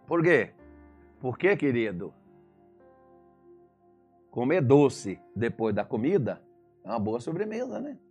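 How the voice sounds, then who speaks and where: A man's voice: mid-range voice, slow, long pauses, slightly rough, soft background music. A Brazilian man preaching as a pastor, telling stories and firing rhetorical questions. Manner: animated storytelling, rhetorical questions. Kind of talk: sermon.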